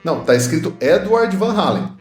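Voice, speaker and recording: A man's voice: high voice, very animated, a little fast, a little mellow, reverberant, soft background music. A man co-hosting a podcast, chatting casually and recounting movie trivia with playful asides. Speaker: podcast co-host. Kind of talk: casual film chat.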